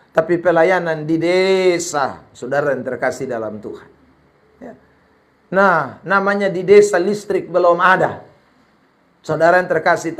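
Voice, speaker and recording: A male pastor preaching an emphatic sermon, telling a story with shouted exhortations. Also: on the high side.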